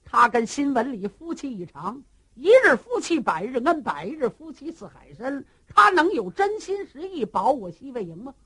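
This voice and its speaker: A woman's voice: high-pitched, sing-song, normal speed, husky, exaggerated voice. A woman storyteller voicing a proud, hot-tempered young male warrior who talks back indignantly. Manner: indignant, sharp retorts.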